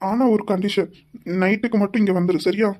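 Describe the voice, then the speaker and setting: In this audio drama, a man plays a devoted young husband who talks quickly in a mellow, mid-pitched voice. He is gently reproachful and explains things at length. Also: steady tone, lightly acted. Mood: tender. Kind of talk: hobby audio drama acting.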